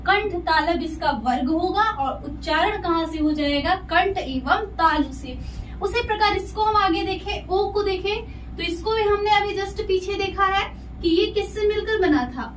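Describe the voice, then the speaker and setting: A woman teacher giving a lesson step by step, asking herself questions and then answering them patiently. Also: extremely high pitch. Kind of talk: classroom lesson explaining step by step. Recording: echoey room, voice from a distance, faint noise.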